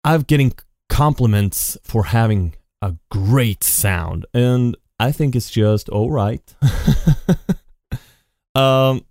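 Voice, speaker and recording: Dry, clean studio sound captures a podcast host speaking slowly in a medium-pitched, darkish voice. It's an unscripted solo monologue recorded at his home computer through a studio podcast mic with effects, full of rambling, restarts and repeated "and".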